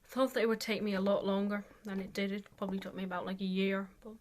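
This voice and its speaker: A woman's voice: medium pitch, little pitch movement, fast, slight background noise. A woman giving a casual, rambling tutorial as an amateur vocalist, hesitant and self-deprecating, saying "like" very often.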